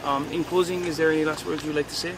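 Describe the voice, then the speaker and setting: A man's voice: a little high, little pitch movement, fast talker, very noisy. A man speaking politely as an interviewer after a fight.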